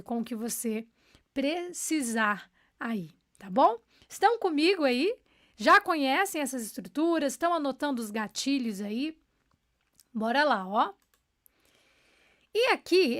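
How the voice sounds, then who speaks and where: A woman teaching English in Portuguese, explaining patiently and repeating example phrases slowly and clearly, checking in often with her viewers. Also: high-pitched, a bit bright. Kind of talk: online English lesson in Portuguese.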